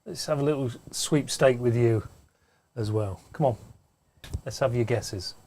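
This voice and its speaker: A man giving relaxed, chatty live commentary on a club cricket match from a pavilion room. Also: medium pitch, a little slow, slight background noise.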